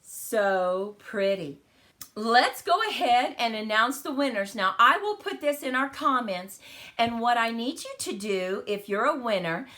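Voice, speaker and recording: Hosting a live card-making stream, a woman chats warmly with viewers while she crafts. She has a fairly high pitch and sharp tone, and her voice is a bit crackly after the flu.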